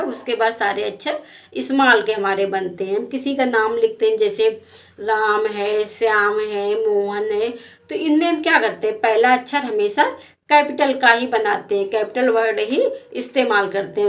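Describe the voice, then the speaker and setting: A woman's voice: a little high, a bit bright. A woman teacher giving a spelling lesson to children, asking questions and spelling out letters patiently.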